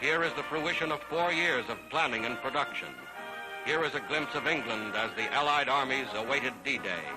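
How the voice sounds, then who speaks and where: A man's voice: medium pitch, moderate pace, poor audio. A man giving grand, declamatory scripted narration for an old wartime newsreel. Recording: narration over loud music.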